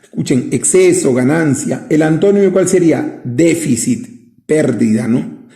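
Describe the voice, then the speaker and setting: A man teaching a recorded lesson, talking slowly and often asking rhetorical questions. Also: on the high side, dark tone, roomy sound. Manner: slow, drawn-out, asks rhetorical questions.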